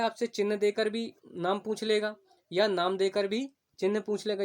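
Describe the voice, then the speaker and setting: A woman teaching an exam-prep Hindi grammar lecture. She explains step by step, keeps checking in with her students, and slows down to spell out her examples. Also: mid-range voice.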